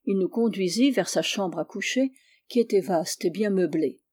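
A woman reading a story aloud as narrator, in a steady, even storytelling manner. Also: mid-range voice, normal speed, slightly rough. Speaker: audiobook reader. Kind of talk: scripted narration.

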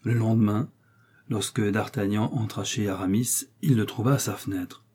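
A man narrating a classic novel in a measured, even storytelling manner. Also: lowish voice, husky. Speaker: audiobook narrator.

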